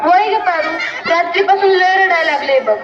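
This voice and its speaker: A woman's voice: very high-pitched, moderate pace, a bit bright, some chatter behind, slight background noise. A girl on a school stage playing a desperate village mother who pleads for her sick baby. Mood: anxious. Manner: pleading, emotional. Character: anxious village mother, young woman. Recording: echoey hall, dull sound.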